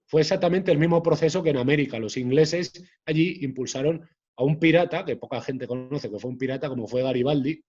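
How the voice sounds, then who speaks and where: A man, a guest author talking in an interview in a measured way, often restarting his phrases. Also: on the high side, a little mellow, husky, lo-fi sound. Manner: measured, hesitant with frequent restarts. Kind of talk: conversational interview.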